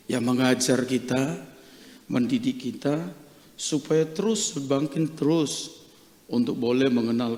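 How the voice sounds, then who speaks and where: A middle-aged male pastor preaching a sermon, telling a personal story in a lively, joking way with frequent hallelujahs. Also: medium pitch, creaky. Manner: lively, jokey, peppered with hallelujahs. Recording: reverberant church hall.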